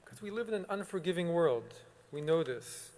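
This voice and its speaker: A man, a rabbi, delivering a solemn, measured sermon with long pauses. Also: fairly high pitch, animated, a little mellow. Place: synagogue sanctuary. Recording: long reverb of a large sanctuary.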